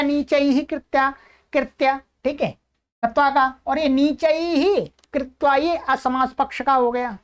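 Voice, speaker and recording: A woman teaching Sanskrit grammar in a recorded lesson, explaining step by step, asking and answering her own questions and reading forms out slowly. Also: sits high. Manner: reads Sanskrit forms slowly and repeats them.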